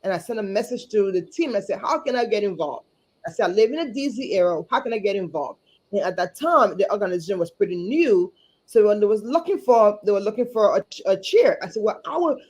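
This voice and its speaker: A woman from Liberia, speaking earnestly as a guest over a video call, often repeating words and pausing on fillers. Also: medium pitch, expressive, darkish tone, slightly rough. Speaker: guest, community advocate and chapter chair. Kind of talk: livestream interview.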